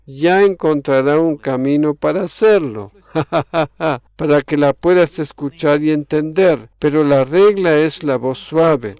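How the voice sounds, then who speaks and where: A man preaching a sermon in a slow, measured way, repeating key phrases for emphasis. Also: fairly high pitch, creaky, darkish tone, clear, resonant tone, no room sound.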